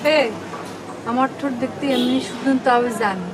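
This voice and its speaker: A woman's voice: high-pitched, fairly quick, natural voice, poor audio. A woman playing a teasing woman of the household who mocks the gatekeeper in a comic drama. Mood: mocking. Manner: mocking and teasing. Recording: music and crowd noise behind the voice.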